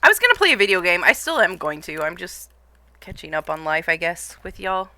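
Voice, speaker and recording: A woman's voice: fairly low pitch, big pitch swings, fairly quick, pushed and bright, dry recording. A young woman streaming live, casually telling a long story to her chat, rambling with lots of fillers and frequent laughs.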